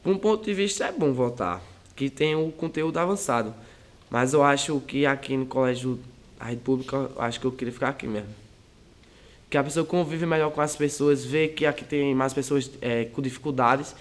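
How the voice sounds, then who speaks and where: A teenage male high school student, giving rambling, hesitant interview answers. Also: brisk. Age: teens.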